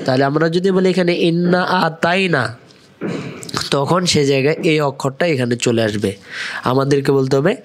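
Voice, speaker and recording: A man teaching recitation, brisk when he explains and slow, drawn out and chanted when he recites the verses. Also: fairly high pitch. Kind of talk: step-by-step recitation lesson.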